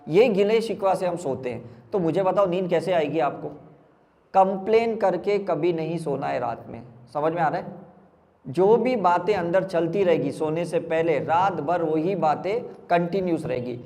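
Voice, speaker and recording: A man's voice: on the high side, animated, normal speed, gravelly, darkish tone, in a large hall. Emphatic man quizzing his audience. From India. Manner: keeps asking the audience rhetorical questions, emphatic. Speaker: spiritual healer giving a talk. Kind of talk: motivational talk to a live audience.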